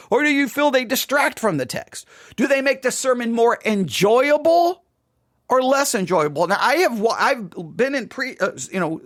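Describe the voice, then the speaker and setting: A man's voice: very high voice, a bit bright, no room sound, clean studio sound. A middle-aged man, a pastor with a West Texas twang, giving a seated teaching talk with emphatic repetition and rhetorical questions. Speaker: pastor speaking at a conference.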